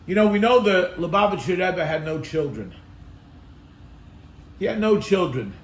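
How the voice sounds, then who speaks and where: A rabbi gives an earnest lesson, leaning on rhetorical questions and repeating his points for weight. His voice sits high for a man and rings out in a roomy, echoing space. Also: expressive, normal speed, slight background noise. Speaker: rabbi teaching a class. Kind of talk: Torah class with storytelling. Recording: echoey room.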